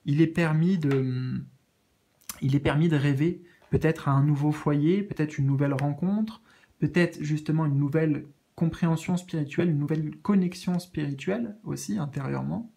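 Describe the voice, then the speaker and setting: A man with a slightly high voice reads spiritual cards in a casual, soothing way. He stumbles and restarts often, filling pauses while he searches for the right words. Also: gravelly. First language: French. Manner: hesitant, searching for words, many fillers; gentle, reassuring. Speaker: tarot card reader. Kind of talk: casual spiritual card reading.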